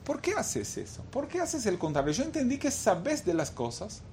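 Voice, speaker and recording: A man doing an excited, high-voiced traveler who greets an old acquaintance and presses him with questions. The voice is pitched well above his usual talk and delivered with eager energy. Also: moderate pace, slight background noise, exaggerated voice. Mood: pleading. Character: enthusiastic male traveler greeting an old friend.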